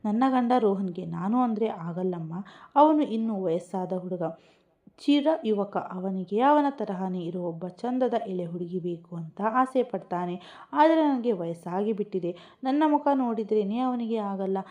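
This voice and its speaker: A woman voicing an older married woman who laments her unhappy marriage through sobs, in a slow, low delivery. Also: animated, lightly acted. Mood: tearful lament. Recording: muffled lo-fi recording.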